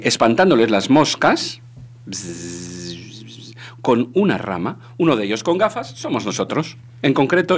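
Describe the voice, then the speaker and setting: A man from reads a children's story aloud. His voice is a little husky, and his pitch rises and falls a great deal. He plays with the words, getting loud and then hushed. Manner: playful, lively, swings between loud and hushed. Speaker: storyteller and podcast host. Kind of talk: expressive reading of a children's story.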